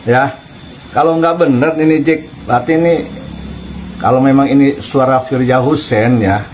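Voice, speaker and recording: A man's voice: mid-range voice, steady tone, moderate pace, darkish tone, slight background noise, rough recording. A man giving casual online commentary, chuckling and firing off pointed rhetorical questions. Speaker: YouTube commentator.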